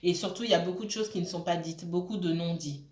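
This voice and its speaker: A woman's voice: fairly low pitch, fairly even intonation, fast talker, noisy background. A woman giving a casual tarot reading, hesitant, with many fillers and restarts, and often checking in with her listeners. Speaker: tarot card reader. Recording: roomy echo.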